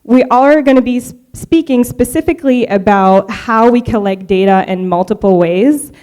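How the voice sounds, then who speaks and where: A woman's voice: a little high, moderate pace, warm tone. A woman marine scientist giving a conference presentation, chatting with the audience in a friendly way. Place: conference hall.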